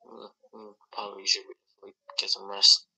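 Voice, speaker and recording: A woman voicing a calm, low-voiced man who looks after a friend in a Minecraft role-play, speaking softly and hesitantly. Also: moderate pace, breathy edge, full character voice, rough recording.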